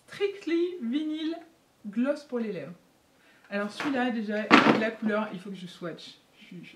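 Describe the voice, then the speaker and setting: A woman chatting excitedly and giggling as she unboxes makeup for her beauty vlog. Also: fairly high pitch. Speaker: beauty vlogger. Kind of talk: casual unboxing chat. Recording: echoey room, faint noise.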